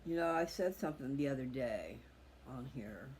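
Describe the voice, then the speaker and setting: Speaking at a normal speed in a slightly mellow, mid-range voice, a middle-aged man sounds animated as he talks to his listeners. The recording, which carries clearly audible background noise, captures him hosting his personal video channel in a loose, candid, reflective monologue.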